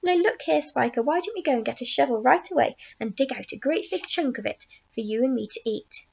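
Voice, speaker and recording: A woman voicing a fat, greedy, excitable aunt from a storybook, gushing and whining in shrill exclamations. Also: a little fast, gravelly, husky, dull audio, full character voice. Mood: greedy, impatient.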